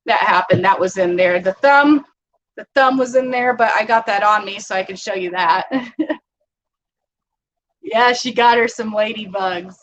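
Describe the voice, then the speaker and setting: A woman's voice: medium pitch, unhurried, pauses often, a bit bright, low-quality recording. A woman hosting a casual live stream from home, chatting with viewers, greeting them by name and laughing often.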